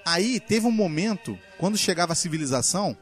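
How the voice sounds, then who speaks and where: A man's voice: high-pitched, brisk, soft background music. A man, telling a childhood story on a podcast and acting out the other people in it. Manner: animated, acts out his mother's lines. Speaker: podcast co-host. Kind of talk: casual storytelling.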